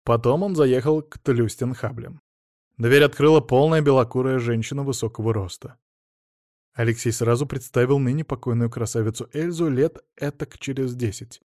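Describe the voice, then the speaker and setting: A man narrating a novel in a measured, even way, his voice mid-pitched and ordinary. The recording is dry and close, with no room sound. He reads scripted prose steadily. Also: no room sound. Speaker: audiobook narrator.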